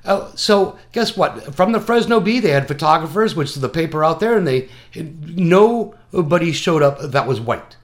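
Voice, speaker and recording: A man's voice: a little high, lively intonation, normal speed, few pauses. A man calling in to a talk show, delivering a rambling, crude, mocking rant. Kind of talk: ranting call-in monologue.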